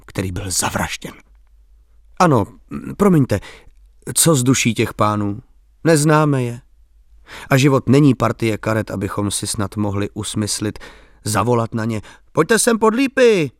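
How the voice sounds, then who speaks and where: A man's voice: on the low side, dry recording, studio quality, close to an everyday voice. A man voicing a bitter, ironic, middle-aged village intellectual who speaks politely but with an edge. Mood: wry.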